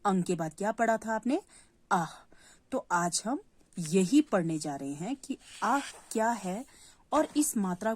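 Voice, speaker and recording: A woman's voice: medium pitch, darkish tone, dry recording. A woman teaching a Hindi lesson to young children, patient, repeating key words and answering her own questions. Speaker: primary school Hindi teacher.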